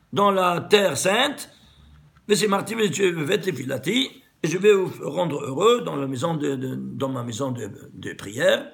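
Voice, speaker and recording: Un rabbin qui donne un cours de Torah sur les valeurs numériques, animé, qui pose ses propres questions et se reprend souvent. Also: male voice, a little high, creaky. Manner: animated, asks and answers his own questions, stumbles and repeats words. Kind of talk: Torah lesson on gematria.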